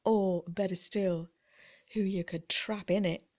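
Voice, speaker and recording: Woman, casual vlog chat, gushing, soft whispered asides. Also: medium pitch, fairly even intonation, unhurried. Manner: chatty, gushing, dips into whispers. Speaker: vlogger.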